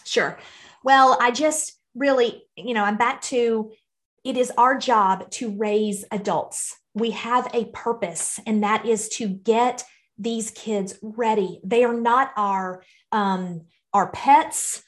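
Higher-voiced woman, earnest interview guest. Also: slow. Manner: earnest, encouraging. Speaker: podcast guest, financial educator for parents. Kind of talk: conversational interview talk.

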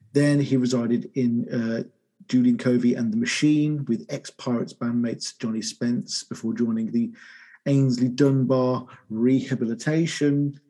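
An English man hosting a casual music podcast, talking in a jokey, enthusiastic, easily excited way. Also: mid-range voice, slightly rough. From England. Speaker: podcast host.

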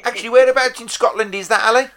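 A man's voice: very high-pitched, fairly even intonation, very fast, fairly bright tone. A man hosting a podcast and casually interviewing a guest.

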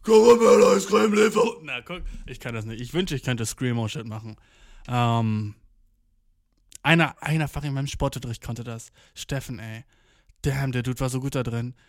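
A man's voice: mid-range voice, normal speed, no echo, studio quality. A young man telling a rambling comic story in a slangy, swearing manner, dropping English phrases and acting out quotes. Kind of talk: rambling comedic monologue.

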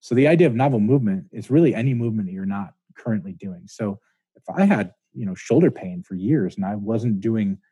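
Husky, mellow-voiced man explaining. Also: lowish voice, expressive, a little fast, no room sound. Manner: thoughtful, explaining ideas at length with hedges. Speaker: chiropractor guest. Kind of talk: casual interview talk.

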